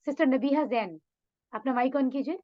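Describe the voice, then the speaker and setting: Lady teacher on an online call, high voice, kind of muffled audio, tosses in english words. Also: normal speed. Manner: mixes English phrases into Urdu, encouraging. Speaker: Quran Arabic teacher. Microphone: video call mic.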